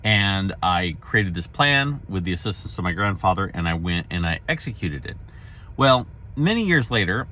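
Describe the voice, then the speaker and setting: Lively low-voiced man telling a career story. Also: a little hiss or hum. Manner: animated storyteller, acts out quoted dialogue with pitch jumps. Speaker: career trainer. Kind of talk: casual storytelling monologue.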